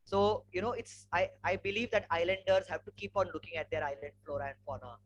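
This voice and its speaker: A man's voice: sits high, fast talker, highs cut off. A man with an educated, posh Indian English accent gives an informal slide presentation, telling anecdotes in a discursive, conversational way. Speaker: webinar speaker, environmental educator and trek leader. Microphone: online webinar microphone. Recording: clearly noisy webinar audio with hum.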